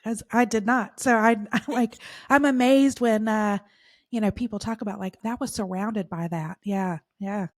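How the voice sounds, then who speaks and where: A podcast host with a medium-pitched, steady voice opens with a scripted introduction. She then shifts into chatting, upbeat and encouraging, with quick bursts of laughter.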